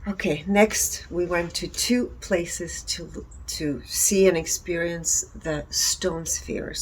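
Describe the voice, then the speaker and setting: A woman with a lowish voice presents energy readings, mixing findings with personal commentary in short, emphatic, earnest phrases. The recording is rough, with slight background noise.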